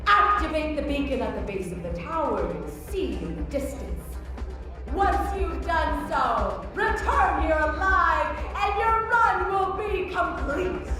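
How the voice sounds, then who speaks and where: An actress voicing a showy woman ringmaster who announces a deadly race over loudspeakers to a crowd of patrons, drawing her words out in a sing-song way. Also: extremely high pitch, heavy reverb, recorded from a distance, heavily acted. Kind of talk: video game voice acting.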